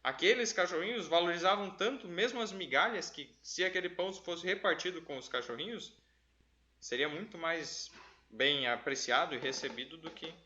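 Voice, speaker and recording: A man's voice: fairly high pitch, normal speed, pushed and bright, dull audio. A man leading a Bible study, reading scripture aloud and explaining it step by step, often checking in with "né?". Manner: thoughtful, explains step by step with frequent "né?".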